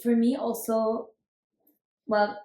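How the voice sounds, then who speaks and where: A woman in her twenties from Germany, a podcast guest who chats in a relaxed way with many fillers. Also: fairly high pitch, slow pace. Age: 20s. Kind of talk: casual chat. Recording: roomy echo.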